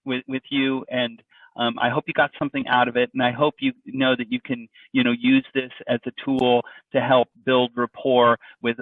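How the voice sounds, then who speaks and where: A man giving a relaxed webinar presentation, thinking aloud with plenty of fillers and restarts. His voice sits at a middling pitch and comes across dry and set back from the mic. The audio is narrow and phone-like, as on a video call. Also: moderate pace, no room sound, recorded from a distance. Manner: conversational, loose, with frequent fillers and restarts.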